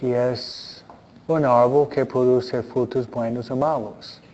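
Slow-paced priest, dull muffled recording. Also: male voice, fairly even intonation, warm tone, long reverb tail. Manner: deliberate, with frequent pauses. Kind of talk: Gospel reading and homily. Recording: dull, muffled low-fidelity sound.

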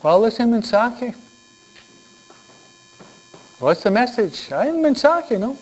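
A man's voice: very high-pitched, takes it slowly. A man giving a Sunday school lesson, telling stories and quizzing the kids. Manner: animated storytelling with questions to the kids. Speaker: children's teacher. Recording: dull lo-fi recording.

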